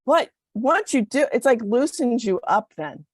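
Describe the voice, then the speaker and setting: Woman, casual group chat, giggly storytelling, lively pitch, dry recording. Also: a little slow, slightly rough, no room sound. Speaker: guest.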